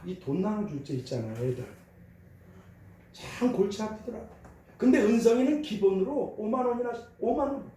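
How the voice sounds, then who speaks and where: An older male pastor with a high-sitting voice and dark tone preaches a sermon in a conversational, storytelling style. He is heard in a church sanctuary, recorded from a distance in an echoey hall.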